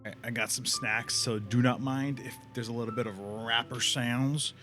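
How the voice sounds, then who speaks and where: A livestreaming man gives casual, crude, slangy commentary as he plays a video game, with game music behind him. His voice sits at a medium pitch, with a fairly even intonation and a moderate pace.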